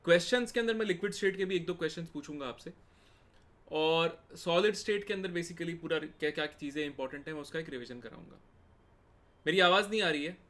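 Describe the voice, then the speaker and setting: A young Indian man with an Indian accent giving a live online chemistry exam-prep lecture, chatty and informal, speaking loudly and greeting viewers as he teaches. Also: a little high, fast. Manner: loud, forceful delivery.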